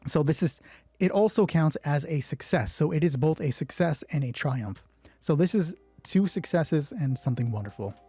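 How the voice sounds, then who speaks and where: This man game-masters a solo roleplay, trading hushed, clipped scripted narration for loose commentary on the play, cursing and musing aloud. His voice is a little high and lively, moderately paced, warm with a breathy edge. Background music accompanies him.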